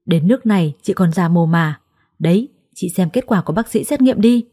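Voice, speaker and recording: A woman voicing a scornful, shrill young female rival. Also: lively intonation, fairly quick, mellow, no echo, clean studio sound.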